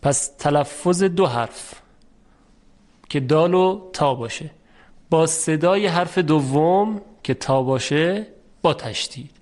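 A man teaching a lesson on recitation rules, patiently explaining step by step and repeating each example slowly. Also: a little high, darkish tone. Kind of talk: formal spoken lesson.

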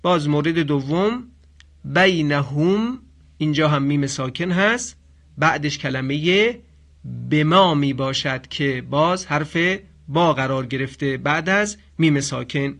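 A man teaching Quran recitation rules in a language lesson. He explains patiently and chants the example phrases slowly. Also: a little high, fairly bright tone. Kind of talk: radio-style tajweed lesson.

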